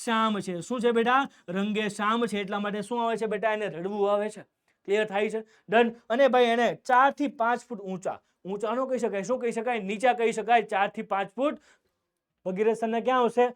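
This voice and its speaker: A man's voice: high voice, steady tone, a little fast, smooth. A young man with a Gujarati accent teaching an online class, asking questions and answering them himself. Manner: asks questions and answers them himself, calls viewers beta.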